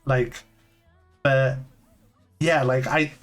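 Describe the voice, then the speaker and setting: A man in his late thirties streams live from his home setup, speaking casually and candidly in a mid-range voice with little pitch movement. His delivery is halting, with frequent restarts and pauses filled by "like." He uses a desk mic on a long cable while faint lo-fi music plays behind him.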